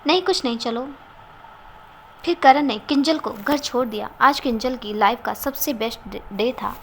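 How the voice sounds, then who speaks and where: A woman narrates a storybook in a steady, even reading voice. Her pitch sits a little high, and a faint hiss runs underneath. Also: normal speed.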